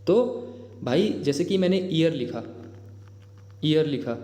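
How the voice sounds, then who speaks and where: A man with an Indian accent and a fairly high, expressive, darkish voice teaches an exam-prep grammar lesson in a chatty, explanatory way. He calls viewers "bhai," checks in often with "theek hai?", and reads English example sentences slowly and deliberately, all in an echoey room with long reverb.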